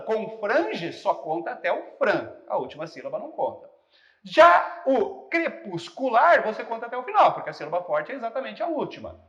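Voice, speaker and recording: Male teacher, guides through an exam-prep lesson with animated intonation. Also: sits high, echoey room, lo-fi sound. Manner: explanatory, guides step by step.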